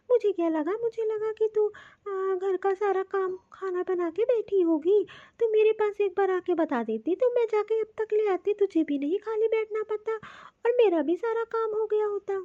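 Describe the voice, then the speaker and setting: A woman's voice: very high-pitched, normal speed, narrow, tinny audio. A woman voicing a fussy, busy older mother-in-law who scolds and complains in a cartoon. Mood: scolding.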